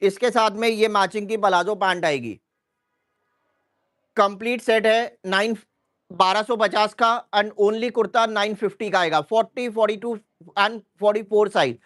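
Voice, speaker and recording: A man hosting a live shopping sale, briskly listing sizes and prices over and over. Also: high-pitched, a bit bright. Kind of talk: live sales pitch.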